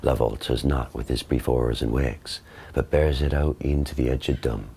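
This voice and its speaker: A man reciting Shakespearean English verse in a measured, declaimed way. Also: extremely low pitch, steady tone, vocal fry, mellow, a little hiss or hum. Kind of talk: demonstrating Shakespeare verse in original and modern pronunciation.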